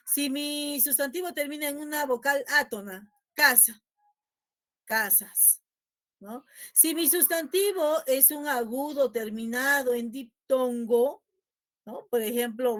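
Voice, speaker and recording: A woman teacher with a Peruvian Spanish accent giving a recorded grammar lesson, slow and deliberate, tagging almost every phrase with a question and repeating key words. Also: fairly high pitch. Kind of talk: recorded class lecture.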